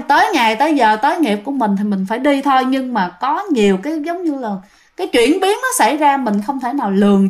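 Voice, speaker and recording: Woman, casual ghost-story teller, chatty with her listeners; fairly high voice. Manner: chatty, addresses listeners directly.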